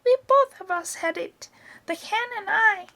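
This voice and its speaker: A woman voicing a boastful old grandmother who shouts in a high, shrill, cackling voice. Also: a little slow, gravelly, full character voice. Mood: gloating.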